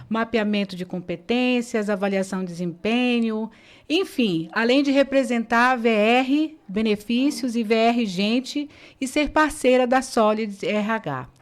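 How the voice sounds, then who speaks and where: A woman interview host with a fairly high voice. She opens with a scripted introduction and asks her guest friendly questions. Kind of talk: interview hosting.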